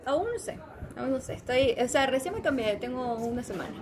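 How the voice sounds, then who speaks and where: A young woman talks playfully in a casual interview outdoors, her voice a touch high and friendly. She laughs easily. Voices of passers-by chatter behind her on the street. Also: expressive, brisk. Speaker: interviewee, social media creator.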